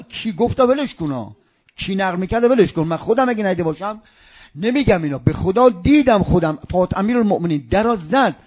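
A man preaching a religious sermon with storytelling. He swings from loud outbursts to hushed near-whispers and chants some phrases in a sing-song cadence. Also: sits high. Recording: dull lo-fi recording.

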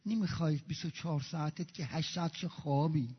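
A man preaching a sermon, moving between quiet recitation of prayers and loud, fervent exhortation. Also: steady tone, breathy edge. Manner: swings from hushed recitation to loud, high-pitched exhortation. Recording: dull echoey hall recording.

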